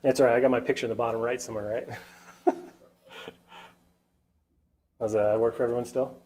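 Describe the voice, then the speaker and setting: A man's voice: medium pitch, steady tone, a little fast, a little mellow. Nasal man with a head cold. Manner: chatty, keeps asking the audience "right?". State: stuffy nose from a sinus cold. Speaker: presenter at a tech user group meetup. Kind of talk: casual whiteboard tech talk.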